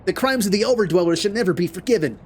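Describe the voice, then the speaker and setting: A man's voice: high-pitched, animated, very fast, darkish tone, a little hiss or hum, pitched above the performer's own voice. A man voicing proud, grandiose fantasy game characters, reading in a formal, declamatory way. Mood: defiant.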